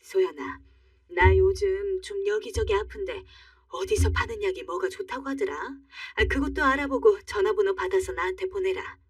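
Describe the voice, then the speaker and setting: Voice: mid-range voice, moderate pace, no room sound, studio quality, far from the mic, close to an everyday voice. A storyteller voicing a demanding, self-centered older mother-in-law who gives curt orders.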